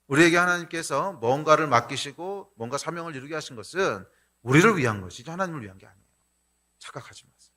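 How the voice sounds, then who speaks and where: A man's voice: on the high side, lively intonation, fast talker, bright, forceful tone. A man preaching a sermon as pastor, speaking straight to his congregation with rhetorical questions and acting out heartfelt prayers and complaints. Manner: impassioned, acts out prayers and quoted complaints.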